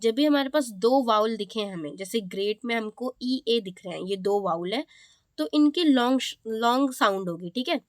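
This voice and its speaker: In a classroom explanation, a woman with an Indian accent teaches English pronunciation rules, explaining each in Hindi before slowly reading it aloud in English. She keeps checking in with "okay," repeating "ठीक है." Her pitch is fairly high with lively intonation, and there's no room sound.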